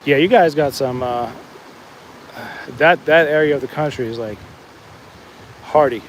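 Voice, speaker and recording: Walking along the bank at his fishing spot, a man with a New Jersey accent talks casually to his live viewers and responds to their comments, frequently starting sentences over. He has a medium-pitched voice and a measured pace, on a muffled recording with slight background noise.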